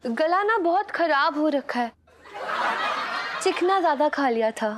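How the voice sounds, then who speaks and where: An actress playing a young woman who poses as a frail old grandmother, speaking in a put-on quavering granny voice in a TV sitcom, with music clearly heard underneath. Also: high-pitched, lively intonation, measured pace, noisy background. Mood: fake-sweet. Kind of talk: sitcom acting.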